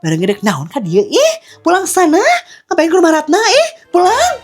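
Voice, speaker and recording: A woman's voice: sits high, fairly quick. A woman playing blunt, caring Ratna. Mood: scolding. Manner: animated, scolding and teasing. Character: chatty kind-hearted young woman, blunt but caring. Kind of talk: comedy skit acting.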